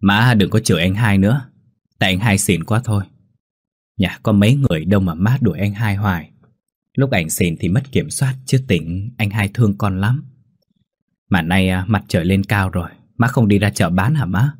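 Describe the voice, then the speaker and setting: Một người đàn ông giọng khàn, giọng miền Nam, đọc lời một cô em gái hiền lành đang nhỏ nhẹ can ngăn. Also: male voice, lowish voice, normal speed, breathy edge, no room sound, studio quality. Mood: pleading. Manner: soft, pleading, soothing. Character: gentle, pleading young sister.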